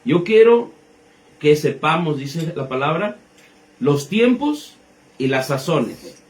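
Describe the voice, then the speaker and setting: Speaking slowly with big pitch swings, a fairly high-voiced pastor in his thirties teaches the Bible conversationally. His tone is darkish, and he leans on rhetorical questions and everyday examples to explain.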